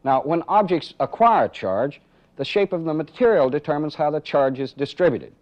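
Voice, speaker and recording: This training film instructor's voice is fairly high and animated, and he keeps a moderate pace. His narration is methodical, breaking a live demonstration into steps and posing rhetorical questions. The sound is dull and band-limited, as in a 1980s training film.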